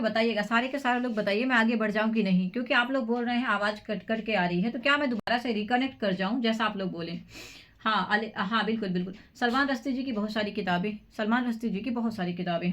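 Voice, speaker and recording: A woman's voice: medium pitch, fairly bright tone. A woman from Madhya Pradesh runs a live quiz class, voice set in the middle of the usual range. She repeats each answer several times and coaxes her viewers to reply. She speaks without her own microphone, straight into her device. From Madhya Pradesh, India. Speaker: quiz teacher for exam prep. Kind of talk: live-streamed quiz class with chat greetings. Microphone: device mic after removing her own microphone.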